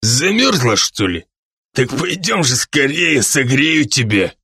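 A man voicing a drunken, leering male tavern brute, growling and gravelly. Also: mid-range voice, big pitch swings, slow, bright, forceful tone, no room sound, studio quality, full character voice. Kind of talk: audiobook character voice.

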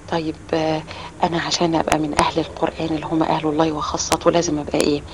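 Egyptian woman, children's teacher; brisk, questioning delivery; noisy recording with clicks. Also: fairly low pitch. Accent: Egyptian Arabic. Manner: explains with many rhetorical questions. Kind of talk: storytelling lesson for children. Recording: loud background noise with clicks.

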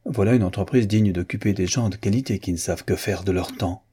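A sharp-tongued society lady who delivers her lines in a dry, ironic way, as a male reader puts her on. The voice is dark and a little husky. This is a storybook reading. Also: low voice, fairly quick. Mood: sardonic. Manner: dry, sardonic.

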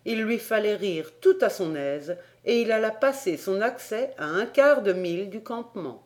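A woman narrating an audiobook in a steady storytelling manner. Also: mid-range voice, moderate pace. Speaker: audiobook reader.

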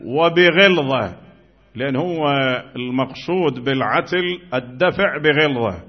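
A man preaching a sermon, moving between soft, low speech and loud, emphatic declamation. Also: slightly rough. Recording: dull lo-fi recording.

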